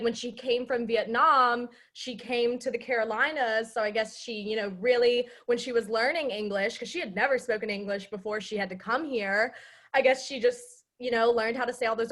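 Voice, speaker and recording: Young woman, higher voice, casual chat, animated storytelling, video call. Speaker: student club member.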